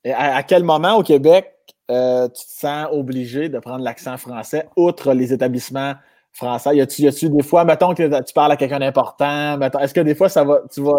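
A man's voice: mid-range voice, fairly quick, a little mellow. A man with a Québécois French accent hosting a casual interview, asking hesitant questions full of fillers. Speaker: interviewer, host.

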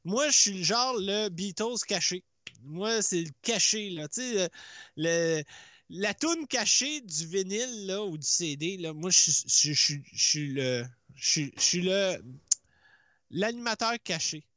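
Quebec guy, high bright voice, jokey self-mocking cohost, dry close mic. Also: lively intonation, measured pace, dry recording. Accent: Quebec French. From Laurentides, Quebec. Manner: joking, self-mocking, stammering restarts. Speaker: podcast co-host. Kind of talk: casual chat. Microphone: headphones and computer mic.

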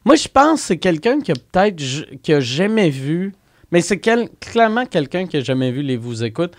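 A man's voice: fairly high pitch, sing-song, normal speed, no echo, clean studio sound. A man with a Québécois French accent hosting a podcast, joking and reading out listener questions in casual chat. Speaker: podcast host.

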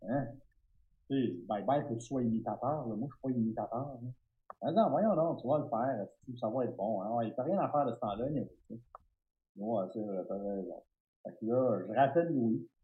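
A man with a Québécois accent telling an animated, self-mocking story full of fillers and restarts. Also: mid-range voice, fairly quick, narrow, tinny audio. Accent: Québécois French. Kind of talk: casual storytelling.

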